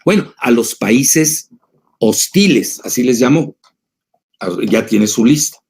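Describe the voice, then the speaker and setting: A man's voice: mid-range voice, lively intonation, slow, a little mellow, husky. A man, an older analyst, answering audience questions in a digressive, emphatic lecture style with many filler sounds.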